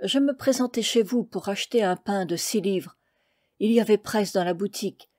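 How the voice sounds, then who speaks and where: A man's voice: sits high, moderate pace, darkish tone, dry recording, studio quality, close to an everyday voice. A woman voicing a humble, apologetic male roofer who schemes, in a storybook reading. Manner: humble, apologetic, then pleading.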